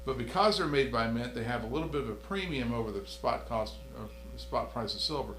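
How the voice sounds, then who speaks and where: A man's voice: mid-range voice, animated, brisk, a bit bright, reverberant, a little hiss or hum. A man hosting a casual studio chat, rambling a little, repeating himself and joking around. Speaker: host.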